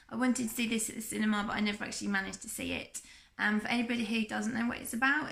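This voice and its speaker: A woman with a croaky voice from a cough, chatting casually and rambling through a book haul with lots of ums. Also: fairly high pitch, fairly bright tone, echoey room. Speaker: book vlogger.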